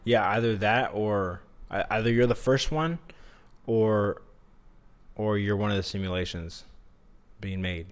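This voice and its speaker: Casual young man, lower-pitched, slangy. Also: unhurried, pauses often. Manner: slangy, swears freely, says dude and like. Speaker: podcast co-host. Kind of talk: casual chat.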